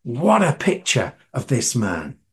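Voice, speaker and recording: A man's voice: mid-range voice, wildly swooping pitch, takes it slowly, slightly rough. A man, preaching a sermon and putting questions to his listeners with emphasis. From northern England.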